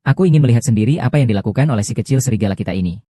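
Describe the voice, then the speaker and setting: A man reading every part of a dubbed drama in a plain, even way. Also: medium pitch, very fast, dry recording, clean studio sound.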